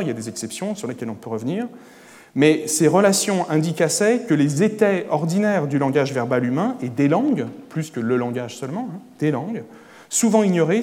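A man's voice: mid-range voice, darkish tone. Hesitant scholarly man in reverberant hall. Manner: erudite, hesitant with frequent filler sounds. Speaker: conference speaker. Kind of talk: academic lecture. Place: conference hall.

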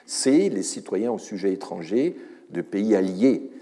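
Male academic lecturer, low and mellow, halting, filler-heavy delivery, long hall reverb. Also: lively intonation. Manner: hesitant, many fillers and restarts, wry asides. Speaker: university lecturer.

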